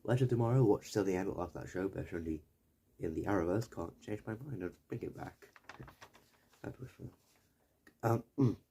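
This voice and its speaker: Low, mellow young man rambling. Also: normal speed, creaky, pauses often. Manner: digressive, self-correcting, mildly profane. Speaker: video essayist. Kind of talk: rambling casual commentary. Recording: faint background noise.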